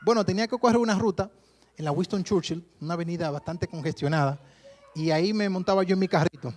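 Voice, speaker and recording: Dominican preacher with a higher voice. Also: male voice, fast talker. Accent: Dominican Spanish. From Dominican Republic. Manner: lively storytelling, keeps addressing listeners as brother. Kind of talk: sermon. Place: church service before a congregation.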